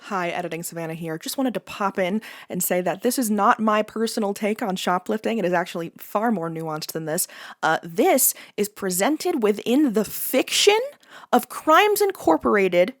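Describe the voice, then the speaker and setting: A young woman who makes videos tests out an app while delivering lively, sardonic comedic commentary and laughing often. Her voice is mid-range.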